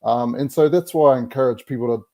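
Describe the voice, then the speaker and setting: A man speaks with a broad Kiwi accent in a mellow, relaxed voice at a middling pitch. He chats casually and reflectively, in colloquial English sprinkled with Māori words. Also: fast. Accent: broad Kiwi, Māori New Zealand English. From New Zealand. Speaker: podcast guest.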